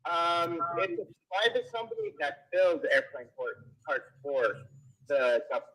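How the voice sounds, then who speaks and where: A man calling in to a live show on speakerphone, answering in a soft, hesitant, halting way. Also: fairly high pitch, very animated, poor audio.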